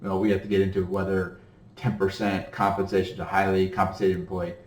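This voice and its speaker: A man's voice: low voice, monotone, a little fast, reverberant, rough recording. A male attorney casually teaching retirement-account law, reading passages from a court ruling aloud and breaking off to explain them, with frequent "okay?" checks and a slightly tired voice. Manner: reads legal text then breaks off to explain, with frequent "okay?". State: voice tiring.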